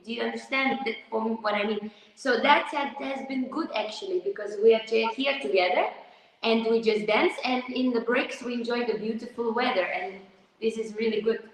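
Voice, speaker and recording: A woman's voice: fairly high pitch, moderate pace. A woman from Lithuania, a dancer speaking earnestly and reflectively in a live video-call interview. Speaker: dancer guest. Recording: echoey room with long reverb.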